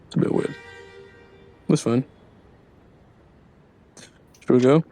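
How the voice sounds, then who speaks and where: A man's voice: medium pitch, dark tone, faint music behind. A man with a mid-range voice plays his character in a tabletop game. He speaks earnestly and often tries to reassure the others or pull them back on track. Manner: earnest, quick to reassure and refocus. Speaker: player.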